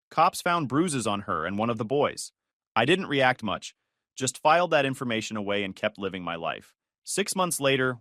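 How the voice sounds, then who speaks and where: A man's voice: mid-range voice, fairly bright tone, no echo. Dry, matter-of-fact male story narrator. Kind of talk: first-person story narration.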